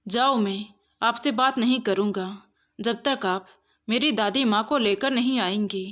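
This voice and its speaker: A woman's voice: on the high side, unhurried, fairly bright tone. A woman voicing a small, stubborn boy who pleads insistently in a storybook reading. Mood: sulky.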